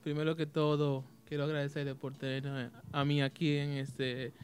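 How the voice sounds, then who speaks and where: A musician appearing as a guest in a radio studio answers questions in hesitant Spanish, though English is his first language. He restarts words and slips English into a casual interview, his fairly high voice level in tone and normal in speed.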